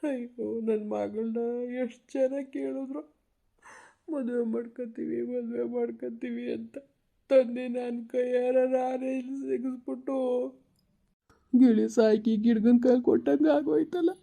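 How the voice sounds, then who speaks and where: A woman voicing a gentle, grieving old village grandfather with a rural Karnataka Kannada accent, in a village family drama. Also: mid-range voice, normal speed, lightly acted. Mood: weeping.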